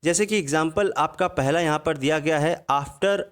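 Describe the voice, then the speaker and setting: A man teaching English grammar in Hindi over slides, reading out the English examples slowly and word by word. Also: fairly high pitch. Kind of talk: online grammar lesson.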